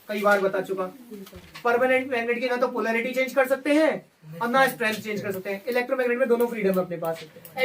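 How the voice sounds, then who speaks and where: Lively classroom teacher, man, off-mic. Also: very high-pitched. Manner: lively, keeps checking if students understand; mixes Hindi with English terms, jokes with class. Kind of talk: classroom lecture. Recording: voice from far off the mic.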